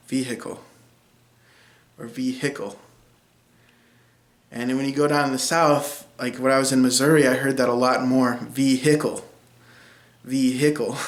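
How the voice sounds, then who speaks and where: Chatty Minnesotan man in an echoey room. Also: medium pitch. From central Minnesota. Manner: chatty, frequent ums, laughs at own remarks. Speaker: linguistics video host. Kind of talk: casual educational talk.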